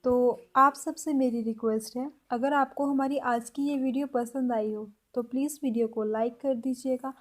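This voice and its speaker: High-pitched woman teaching phrases slowly. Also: steady tone. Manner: slow, careful repetition of example sentences. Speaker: language teacher. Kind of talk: spoken language lesson.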